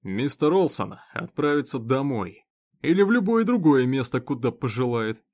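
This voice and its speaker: Storybook sheriff, a man doing the voice: stern, commanding, loud edge. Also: mid-range voice, sing-song, moderate pace, natural voice. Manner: commanding, growling. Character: stern, hot-tempered male small-town sheriff.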